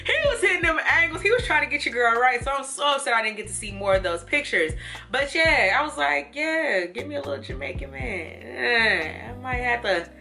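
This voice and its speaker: A young woman vlogger talks through a try-on haul in a bright, forceful voice set a little high. She chats along casually and laughs easily. Soft music plays faintly behind her. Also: brisk, gravelly. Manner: chatty and animated, laughing and doing little quoted voices.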